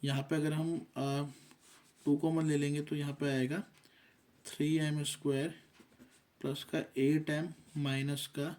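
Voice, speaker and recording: A man's voice: on the high side, flat delivery, a little slow, pauses often, a little mellow. A man teaching a math lesson, working through steps methodically and mixing English terms into his explanation.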